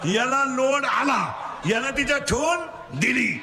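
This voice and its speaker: A man with a Marathi accent preaching a comic kirtan sermon, teasing the audience and making them shout answers back. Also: very high-pitched. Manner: rapid call-and-response, drilling the crowd to answer; teasing, scolding schoolboys.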